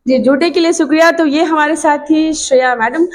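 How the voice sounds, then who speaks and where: High-voiced woman news reporter. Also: a little fast. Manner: formal, announcer-like delivery with frequent hesitation fillers. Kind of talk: on-location news report and interviews. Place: at a beauty studio opening event.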